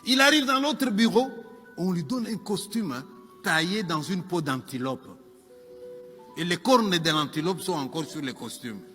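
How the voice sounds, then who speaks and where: A man telling a joke as a lively story, with asides to his listeners. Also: high voice, a little slow. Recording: long hall reverb, faint music.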